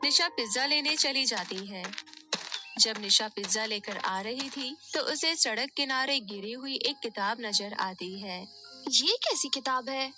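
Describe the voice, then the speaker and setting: A woman narrating a bedtime storybook tale in a steady, plain storytelling manner. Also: on the high side, a little slow, music in the background.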